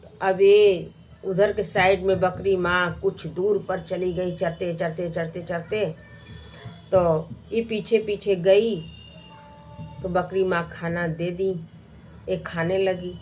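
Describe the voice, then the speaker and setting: A woman telling a devotional folk tale in an unhurried, repetitive, homely way. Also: fairly low pitch, little pitch movement, darkish tone, faint music behind. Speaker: devotional storyteller.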